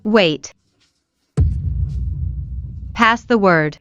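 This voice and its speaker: An actress playing a commanding, fiercely protective young wife in a dubbed melodrama. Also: female voice, mid-range voice, extremely slow, a bit bright, no room sound. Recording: slightly dull, music behind.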